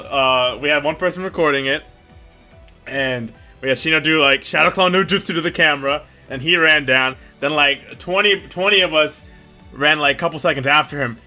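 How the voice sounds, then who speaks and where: A young man with a bright, forward voice chats casually as co-host, working through viewer questions. His talk is loose and rambling, full of fillers and quick laughs, with faint music under it. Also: a little high. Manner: laid-back, rambling, lots of fillers and laughs. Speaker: channel co-host.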